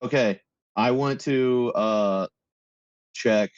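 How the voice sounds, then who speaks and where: A man's voice: medium pitch, drawn-out words, clear, resonant tone, no room sound. A joking man taking part in a tabletop game, talking loosely in casual chat. His voice comes through a dry, dull, lo-fi mic. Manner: joking, laughs often. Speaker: player.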